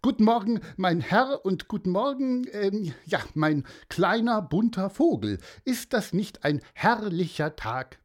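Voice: sing-song, measured pace, hardly any pauses. The narrator of a children's story playing a cheerful, exuberant man who sleeps on the beach, in a raised voice. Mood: jolly. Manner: exuberant, booming greetings. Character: cheerful male hiker in pyjamas.

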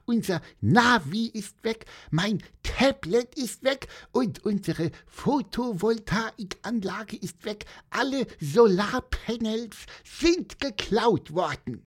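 A squeaky little bird chirps high and flustered, swinging wildly up and down in pitch, as a man puts him on for a storybook. His voice is a bit breathy, and he is quick to lose his temper. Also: a bit bright, heavily acted. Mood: eager. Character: excitable small male bird, chatty and quick-tempered.

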